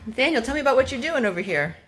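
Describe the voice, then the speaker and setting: Racing along in a high-pitched, very animated voice, a woman performs a children's storybook with casual remarks aimed at young listeners. Clicks and obvious noise mark this home recording.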